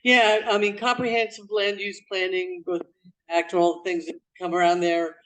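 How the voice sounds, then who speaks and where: A woman's voice: on the low side, little pitch movement, moderate pace, fairly bright tone. Distant woman running a meeting. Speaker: meeting facilitator.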